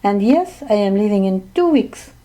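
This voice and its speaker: A woman's voice: mid-range voice, moderate pace, close to an everyday voice. A woman voicing a chatty young French flight attendant with a thick French accent, eager to share gossip. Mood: excited gossip. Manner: excited, gossipy.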